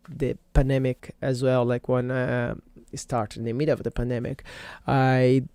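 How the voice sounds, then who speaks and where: This solo podcast host is a native Portuguese speaker talking into a computer mic, wandering casually through his thoughts with frequent fillers and corrections of himself. The recording is dry and clean, and his mid-range voice has a dark tone.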